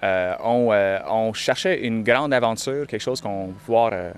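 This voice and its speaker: A young man, answering interview questions in a halting way, often repeating words. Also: fairly low pitch, clear, resonant tone. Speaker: touring cyclist interviewee.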